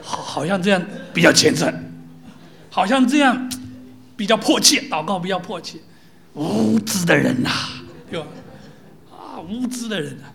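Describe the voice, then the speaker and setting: A preacher giving a sermon in lively storytelling style, often asking "right?" of the listeners and dropping into soft, near-whispered asides. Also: medium pitch, moderate pace, long pauses, over music. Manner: lively storytelling with rhetorical questions.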